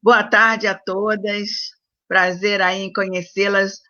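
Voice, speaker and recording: A woman teacher speaks on a video call with a bright, forceful voice. The sound is dry and somewhat muffled. She is firm and keeps asking "né?" at the end of her sentences. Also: mid-range voice, flat delivery, slow pace, no echo. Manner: uses the tag "né?" again and again, firm. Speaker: panelist, school teacher. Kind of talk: opening remarks in an online debate.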